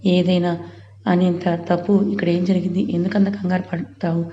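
A woman voicing a tender, pleading young husband in a read-aloud story, with a gentle coaxing manner, on a dull lo-fi recording. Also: sits high, monotone, normal speed, natural voice. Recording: dull lo-fi with faint hiss.

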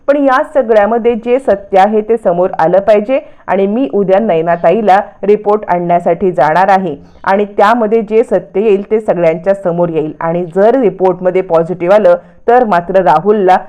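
A woman's voice: mid-range voice, mellow, lo-fi sound, close to an everyday voice. A woman voicing a resolute young daughter-in-law who speaks steadily and earnestly.

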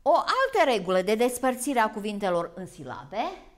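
A woman with a Vojvodina Romanian accent, teaching a school grammar lesson on television. Her voice sits a little high and swings widely in pitch, and she explains each rule slowly and deliberately. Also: big pitch swings. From Vojvodina, Serbia. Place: broadcast TV lesson.

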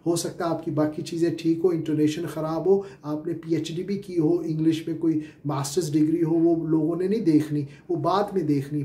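A man with a Pakistani accent lectures on spoken English in a classroom style, explaining step by step with many filler sounds and repeated questions. His voice is on the high side and mellow, in a reverberant space.

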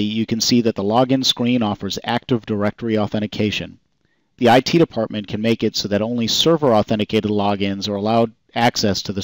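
Male voice-over for a product demo: lowish, calm, explanatory, dry close-mic sound. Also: dry recording. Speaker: software demo narrator. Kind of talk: scripted product demo narration.

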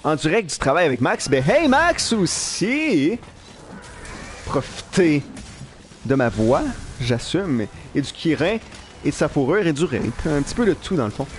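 A young man with a Quebec French accent giving live gameplay commentary in an animated, self-mocking way, swearing casually. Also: on the high side, fairly quick, a little hiss or hum. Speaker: live streamer. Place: at work.

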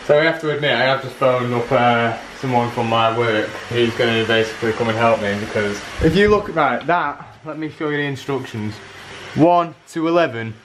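A man's voice: mid-range voice, normal speed, background noise. A young man from England chatting casually in a self-mocking way as he vlogs his day at home. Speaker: vlogger. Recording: roomy sound with faint music.

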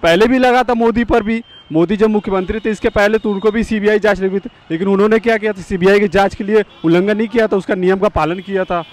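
A man's voice: high voice, steady tone, quick pace, hardly any pauses. A man stopped on a city street, giving an emphatic, repetitive, lecturing opinion to a reporter. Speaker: passerby interviewee. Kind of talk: opinionated street interview answer.

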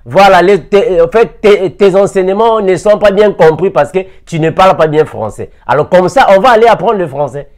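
Here the preacher, a man in his forties, sits in an armchair in an indoor room teaching on video, asking one rhetorical question after another. His voice sits high with a darkish, expressive tone, moving at normal speed with hardly any pauses, captured through a lapel mic.

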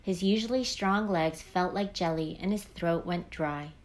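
A woman reading a children's picture book aloud in a gentle, expressive storytelling voice. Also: lowish voice, a little slow. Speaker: storybook reader.

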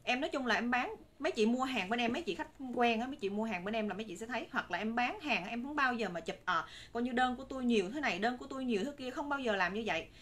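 A woman's voice: fairly high pitch, expressive, fast talker, hardly any pauses, fairly bright tone. A woman in her thirties with a Southern Vietnamese accent, giving persuasive, repetitive live-stream sales patter to viewers from a room, into a phone. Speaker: live-stream shop seller. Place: indoor room with curtains and bagged stock. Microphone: phone a short distance away. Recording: noisy room recording on phone.

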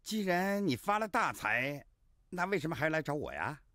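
An actor playing a greedy, scheming county magistrate in a comic period drama, full of theatrical wailing exclamations. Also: male voice, fairly high pitch, sing-song, normal speed, pushed and bright, no echo, studio quality. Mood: skeptical. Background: drama score music.

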